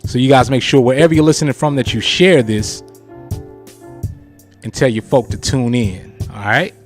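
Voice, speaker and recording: A man hosts a casual live radio show on a close studio mic, with faint music behind him. His mid-range voice moves at normal speed, delivering showy introductions and repeated catchphrases.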